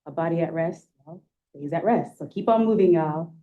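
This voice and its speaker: A woman's voice: low-pitched, moderate pace, phone-quality sound, slight background noise. A woman moderating a panel event, wrapping up with gracious, repeated thanks. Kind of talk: closing remarks at a panel event.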